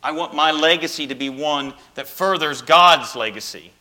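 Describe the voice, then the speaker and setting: A man's voice: fairly high pitch, moderate pace, pushed and bright. A man preaching a sermon as pastor, telling stories and rising into emphatic bursts.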